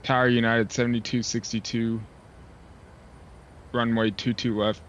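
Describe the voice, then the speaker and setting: A man acting as a pilot, reading back air traffic clearances in clipped radio phraseology through a cockpit headset mic. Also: medium pitch, flat delivery, unhurried. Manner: clipped, formal call sign readbacks. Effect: pilot speaking over a cockpit headset mic. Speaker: sim pilot talking to online air traffic control. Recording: dull lo-fi headset mic, faint hiss.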